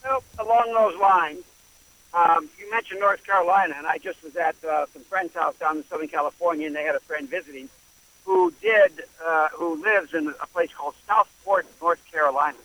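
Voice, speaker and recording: A man's voice: on the high side, lively intonation, bright, forceful tone, no room sound. Male caller on a phone line that keeps cutting out. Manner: halting, rambling. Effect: breaking-up phone line, cutting out. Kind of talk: call-in question.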